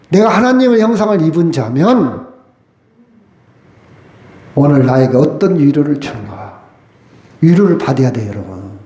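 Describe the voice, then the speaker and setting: A man's voice: a little high, dark tone, reverberant. A man preaching a sermon as pastor, emphatic and asking the congregation questions. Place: church sanctuary.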